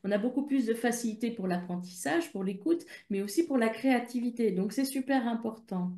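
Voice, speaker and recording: A woman with a French accent hosting a podcast, talking gently and guiding listeners. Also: on the high side, lively intonation, a little fast. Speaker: podcast host. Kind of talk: casual podcast interview. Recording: roomy echo.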